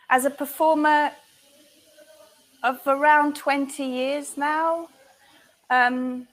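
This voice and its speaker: A woman introduces herself as a dancer on a live panel. Her voice sits high, and she speaks at an unhurried, measured pace. She is deliberate and hesitant, with frequent pauses as she gathers her words. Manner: slow, deliberate and hesitant, with many ums. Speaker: dancer and facilitator. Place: live talk event before an audience.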